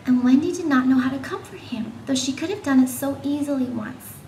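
A woman giving an informal read-aloud of a classic children's novel, voicing the characters gently. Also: high voice, a little fast. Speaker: reader. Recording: echoey room with faint noise.

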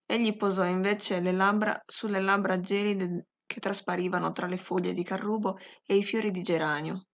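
A woman narrating a classic novel as an audiobook, reading in a slow, measured and expressive way. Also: medium pitch. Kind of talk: scripted literary audiobook narration.

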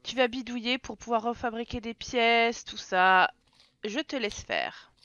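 Chatty French woman, high and bright. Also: measured pace, clean tone, no room sound, muffled recording. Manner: chatty, teasing, scolds the game characters. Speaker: Let's Play host. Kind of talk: casual Let's Play commentary.

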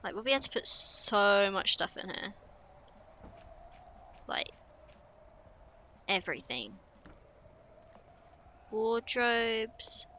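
A young woman streamer talks her way through a building game in casual commentary, muttering and humming to herself. Her mid-range voice is bright and lively, rising and falling freely, and she takes her time.

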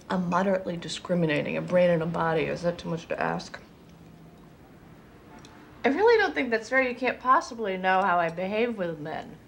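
A sharp, wry woman in her thirties, a divorced teacher who teases with a dry edge,. Her pitch sits right in the middle, and a faint hiss runs underneath. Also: creaky. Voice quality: dry, teasing delivery. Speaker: lead character, teacher and single mother. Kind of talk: TV film acting.

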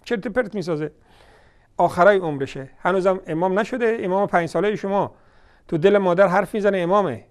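High-voiced man scolding in a heated lecture. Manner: heated, scolding and mocking, loud bursts then quiet asides; recites scripture slowly and deliberately. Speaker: religious lecturer on a TV show. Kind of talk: polemical religious lecture.

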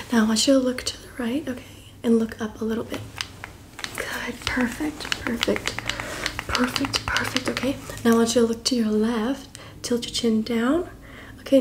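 A woman in her twenties doing a fast ASMR ASMR role-play as an encouraging beauty and photo professional, repeating short phrases up close. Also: a little high, noisy background, natural voice. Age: 20s. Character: brisk, encouraging female makeup artist, photographer and spa worker. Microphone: close, facing the camera.

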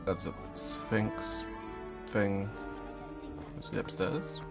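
A man's voice: fairly low pitch, extremely slow, creaky. A man streaming a game, commenting playfully and muttering to himself as he plays. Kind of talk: live gameplay commentary. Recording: loud game music behind. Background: game music.

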